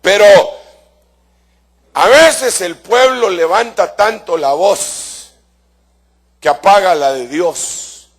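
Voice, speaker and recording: A male pastor preaching a sermon with fervor. He addresses the congregation as brother and asks rhetorical questions. He swings between soft asides and shouted emphasis. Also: sits high, takes it slowly, long pauses.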